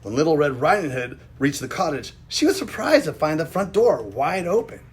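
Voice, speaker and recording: A man reading a children's storybook aloud in an expressive way. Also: a little high, moderate pace, slightly rough. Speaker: storybook reader.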